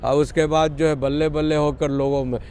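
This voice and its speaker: A man's voice: a little high, level tone, a little fast, a little mellow, a little hiss or hum. A man giving an emphatic, lecturing street interview, mixing in English phrases.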